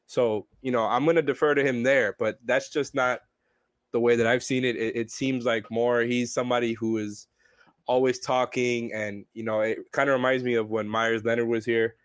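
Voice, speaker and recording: A man's voice: mid-range voice, little pitch movement, moderate pace, clean tone, no echo. Man, nasal and congested from a cold, sports-podcast co-host, hedgy, dry close mic. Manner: hedging, restarts often. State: stuffy nose from a cold. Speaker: podcast co-host covering the team. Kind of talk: casual sports podcast chat.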